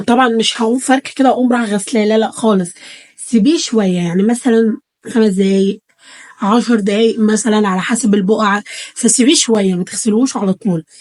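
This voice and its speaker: A woman's voice: on the high side, a little mellow. A woman with an Egyptian Arabic accent giving a chatty home beauty tutorial to her phone camera, talking to her viewers as girls. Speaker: beauty vlogger. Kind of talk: casual tutorial talk to camera. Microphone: phone camera held close.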